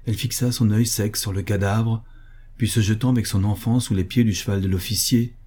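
A male narrator reads a story aloud for an audiobook in a grave, measured way. His voice is low and dark with a husky, breathy texture, and his delivery stays even and serious.

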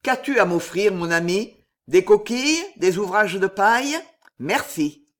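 Intense mysterious count, read by a man, commanding, fervent, fairly high voice, storybook reading. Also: animated, unhurried, fairly bright tone. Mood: eager. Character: wealthy, mysterious male count, intense and generous.

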